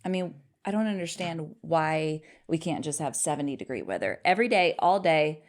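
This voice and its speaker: A middle-aged woman with a somewhat low voice co-hosting a podcast. She chats casually with her husband, wanders into rambling asides and laughs easily. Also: animated, normal speed. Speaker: podcast co-host.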